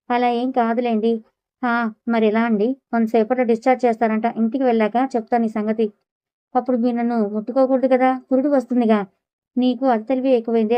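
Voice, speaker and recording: A woman's voice: fairly high pitch, mellow, no echo, rough recording. A woman narrating a serialized audio story, voicing the dialogue of all characters in her own voice.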